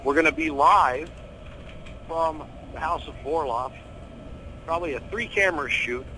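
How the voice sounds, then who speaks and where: A middle-aged American man talks casually as an interview guest, with a bright, punchy voice pitched a little high. He is opinionated and animated, tossing in slang as he goes. A faint rumbling noise sits behind him. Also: moderate pace, rough recording. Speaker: horror host being interviewed.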